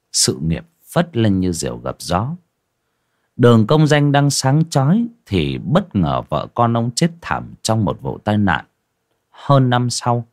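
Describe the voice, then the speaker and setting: Deep-voiced storyteller. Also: male voice. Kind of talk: scripted story narration.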